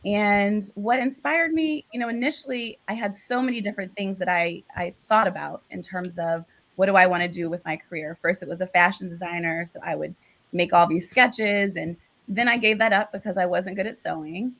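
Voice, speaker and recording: A woman physician answering interview questions in a lively, candid storytelling manner. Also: medium pitch, normal speed, poor audio. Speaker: physician guest.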